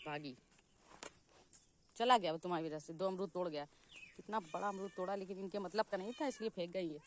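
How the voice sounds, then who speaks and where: A woman's voice: on the low side, brisk, slight background noise. Chatty woman gardening vlogger outdoors. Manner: chatty, calls excitedly to her cat, scolds it. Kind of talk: casual vlog narration.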